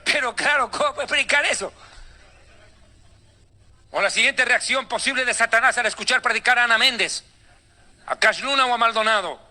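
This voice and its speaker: A man's voice: very high voice, normal speed, pauses often, bright, forceful tone. A male preacher delivering a sermon in an emphatic, sarcastic and dramatic way.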